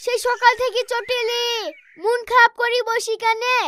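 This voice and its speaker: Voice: extremely high pitch, monotone, unhurried, pushed and bright, no room sound, full character voice. Someone voicing a bossy cartoon village wife. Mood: coaxing. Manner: coaxing, bossy. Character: practical nagging village wife. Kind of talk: comic cartoon voice acting.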